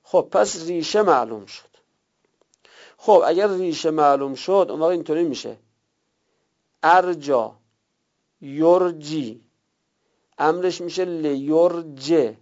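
Gravelly man teaching slowly, lo-fi. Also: a little high, darkish tone. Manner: slow drawn-out repetition of terms; explains step by step, checks students' notes. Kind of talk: classroom lesson on Arabic word roots.

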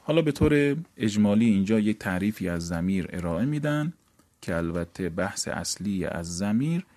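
Low-voiced man teaching a grammar lesson. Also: expressive, darkish tone. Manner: methodical, drills verb conjugations aloud; explains step by step, gives book page references. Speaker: teacher of Arabic morphology. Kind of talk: recorded seminary lesson.

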